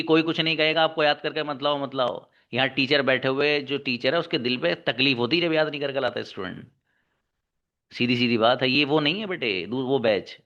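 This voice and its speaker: Heard on a dull, lo-fi recording, a man teaching English scolds his students and pushes them to work hard, addressing them as son and daughter. His voice is mid-range, bright, and forceful.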